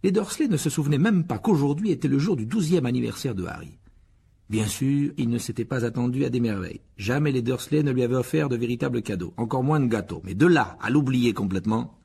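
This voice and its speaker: A man reading a children's novel aloud as an expressive audiobook narration. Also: medium pitch, fast talker, creaky, slightly rough. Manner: expressive storytelling.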